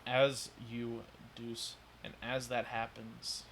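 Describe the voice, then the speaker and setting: A man's voice: medium pitch, completely flat delivery, slow, gravelly, a bit bright, a little hiss or hum. A man narrating as game master of a tabletop game, in stop-start speech with many fillers.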